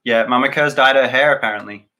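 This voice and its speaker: Bright-voiced Australian man hosting a livestream. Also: mid-range voice, fast. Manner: loose and rambling, with many fillers and restarts. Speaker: livestream host. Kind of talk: live-stream chat reading viewer comments.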